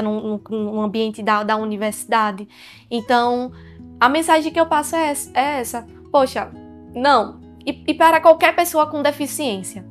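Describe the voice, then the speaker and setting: Young woman, Brazilian accent, university student, emotional storytelling, fairly high voice. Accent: Brazilian Portuguese. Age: young adult. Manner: emotional, storytelling with quoted dialogue. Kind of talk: personal documentary interview. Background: faint guitar music.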